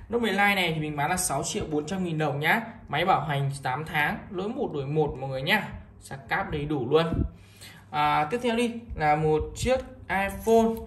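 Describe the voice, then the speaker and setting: A man with a northern Vietnamese accent gives an informal, repetitive sales pitch as a shop seller, presenting items one by one to viewers. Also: fairly bright tone, a little hiss or hum. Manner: repetitive, item-by-item selling with frequent appeals to viewers.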